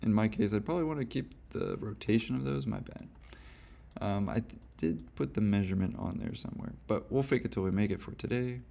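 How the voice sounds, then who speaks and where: A young male instructor with a hoarse, gravelly, slightly low voice walks through a screen-recorded software tutorial, rambling loosely with lots of fillers and quick self-corrections. Soft keyboard clatter and mouse clicks can be heard underneath.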